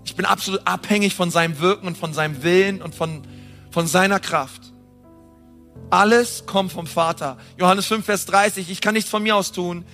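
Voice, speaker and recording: Bright, high-voiced German preacher. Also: male voice, fairly even intonation, moderate pace, faint music behind. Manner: passionate, emphatic, swings from loud to soft; casual, direct address to the audience. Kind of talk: sermon.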